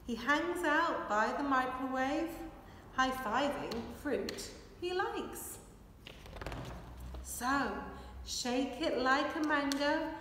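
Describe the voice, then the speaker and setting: A high-pitched woman in her thirties, a children's storyteller, reads a picture book aloud while signing, with an expressive, measured, rhythmic delivery. She's captured by a camera a few metres away in a large brick-and-plaster hall, so the sound is echoey, distant, and faintly noisy.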